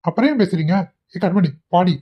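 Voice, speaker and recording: A woman's voice: fairly low pitch, animated, a little fast, husky, lo-fi sound. A woman voicing a blunt, short-tempered young husband in a cartoon, talking in a curt, scolding way. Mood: irritated.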